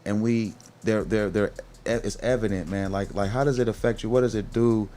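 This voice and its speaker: Middle-aged male podcast host, lower voice, earnest and rambling, faint background noise. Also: fairly even intonation, a little fast, dark tone. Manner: earnest, many restarts, says "bro" often. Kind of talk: casual podcast conversation.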